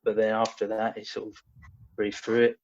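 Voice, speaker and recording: Here the same kind of speaker, a young personal trainer guesting on a podcast, talks in a lowish, monotone voice that's a little mellow, at a moderate pace. His casual storytelling is hesitant, packed with fillers and false starts, and recorded in dull lo-fi sound.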